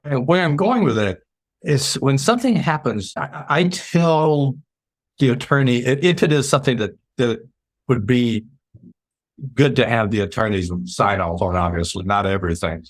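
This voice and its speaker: Animated older man telling stories. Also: mid-range voice, normal speed, dry recording. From United States. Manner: animated storyteller, many restarts. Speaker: interview guest, PR veteran. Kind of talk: casual interview chat.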